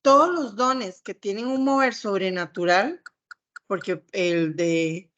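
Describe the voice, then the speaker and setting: Woman teaching in a measured way. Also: medium pitch, lo-fi sound, a crowd in the background. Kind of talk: teaching, reflective explanation.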